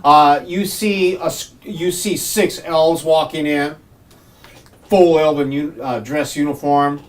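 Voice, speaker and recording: A man's voice: a little high, fairly even intonation, slow, recorded from a distance. A man running a tabletop game as game master, narrating in a rambling way full of fillers, recorded in a garage. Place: home garage.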